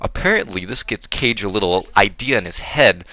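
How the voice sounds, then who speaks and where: A man's voice: lowish voice, expressive, normal speed, pushed and bright, a little hiss or hum. A man giving a casual, rambling, profane spoken review of a film, full of fillers and restarts.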